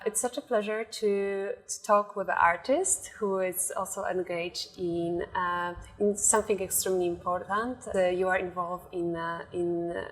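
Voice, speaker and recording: A woman's voice: lowish voice, fairly even intonation, normal speed, hardly any pauses, rough recording. A woman hosting a podcast, introducing her guest in a chatty way with many fillers and restarts. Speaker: podcast host.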